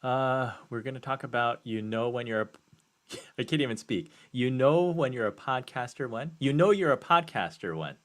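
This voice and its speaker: A man's voice: mid-range voice, normal speed, a bit bright. A man co-hosting a live podcast, talking in an easygoing, friendly way and laughing at his own slips. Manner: easygoing, amiable, laughs at himself. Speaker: podcast co-host. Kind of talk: casual live-stream chat.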